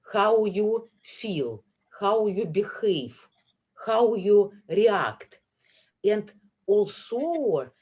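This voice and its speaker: Slow, husky-voiced woman hosting a webinar. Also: mid-range voice, darkish tone. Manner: slow, deliberate, listing words one by one. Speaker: webinar host. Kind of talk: guided webinar talk. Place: online video call. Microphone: video call.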